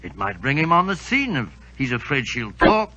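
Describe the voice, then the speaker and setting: An actor playing a flustered, soft-hearted English gentleman doctor with a British accent and gravelly voice, in 1940s radio drama style. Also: mid-range voice, sing-song, normal speed, dull audio, natural voice. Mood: reasoning. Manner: blustery, muttering, exclaiming. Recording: vintage 1940s radio recording.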